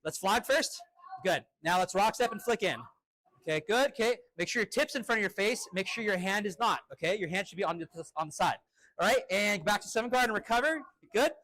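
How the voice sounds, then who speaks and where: A male fencing instructor running a live drill with crisp, short commands and encouraging words. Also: high voice, expressive, a little fast, pushed and bright, no room sound.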